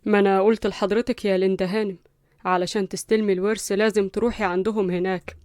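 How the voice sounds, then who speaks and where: A woman plays a middle-aged male lawyer in a storybook, with an Egyptian Arabic accent. He speaks formally and insistently, in a smooth, clear and quick voice, recorded dry and close. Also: medium pitch, flat delivery, a little mellow, no room sound, natural voice.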